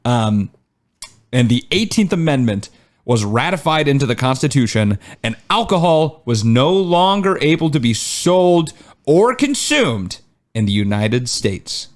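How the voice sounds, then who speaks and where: A male podcast host at a mid pitch, walking through his researched notes in a loose, conversational way. He fills the gaps with "uh" and wanders into wisecracks before picking the story back up. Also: very animated, a little slow. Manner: chatty, with frequent "uh" and joking asides. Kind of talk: casual chat, reading researched history.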